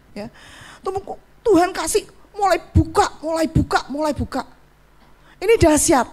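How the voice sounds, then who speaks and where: High-voiced woman preaching with fervor. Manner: animated preaching with sudden emphatic rises, then quiet, low testimony. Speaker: church speaker giving testimony. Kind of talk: sermon with personal testimony.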